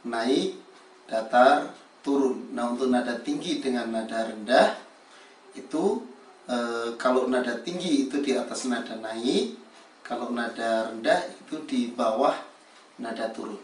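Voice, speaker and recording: A man teaching Quran recitation melody, explaining pitch steps slowly and then demonstrating them in a sung melody. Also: reverberant, distant mic, a little hiss or hum. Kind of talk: slow spoken lesson with sung recitation examples.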